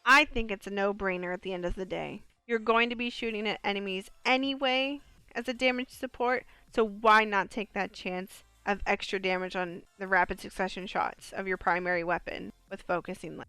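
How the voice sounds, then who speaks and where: A woman doing excitable gameplay commentary as a video creator. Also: medium pitch, clean tone, no echo, poor audio. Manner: excitable, exclaims during play.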